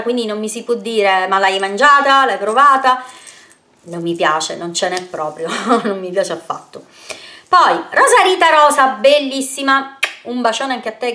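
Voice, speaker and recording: A woman's voice: medium pitch, fairly bright tone. A woman beauty vlogger answering viewer questions in a casual Q&A video, chatty and rambling, sending kisses and pet names to her followers. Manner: rambling with frequent fillers and self-corrections.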